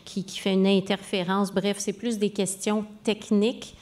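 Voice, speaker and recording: A woman's voice: medium pitch, little pitch movement, a little slow, a little mellow. A woman with a Québécois accent, a medical specialist giving an informal expert explanation to the public.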